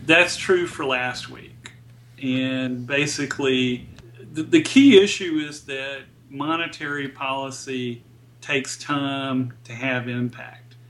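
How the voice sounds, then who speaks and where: A man speaking as a guest economist in an interview, explaining data in a measured, deliberate way. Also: medium pitch, a bit bright.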